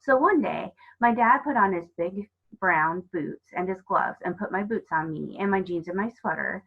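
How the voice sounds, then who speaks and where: An earnest, stubborn young storybook girl, read out by a woman, speaking firmly and a touch higher. She sounds determined and serious. The recording is dull and lo-fi.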